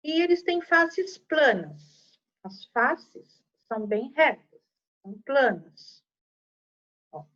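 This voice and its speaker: A woman's voice: sits high, fairly bright tone, dull audio. A woman teacher with a Brazilian Portuguese accent giving a patient, step-by-step math lesson to children, checking in after each point.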